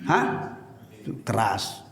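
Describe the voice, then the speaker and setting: A man's voice: extremely slow, fairly bright tone. A man giving an informal sermon as ustaz, talking conversationally and putting rhetorical questions to his audience. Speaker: ustaz teaching a Islamic study session. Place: prayer room after evening prayer. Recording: echoey hall with long reverb.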